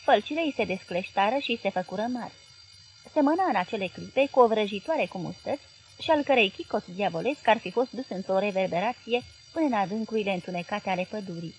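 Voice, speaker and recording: A woman's voice: mid-range voice, expressive, slight background noise, poor audio. Woman narrating a literary audiobook.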